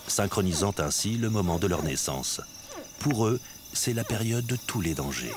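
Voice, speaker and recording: A man's voice: on the low side, background noise. A man reading scripted nature documentary narration. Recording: music behind the voice.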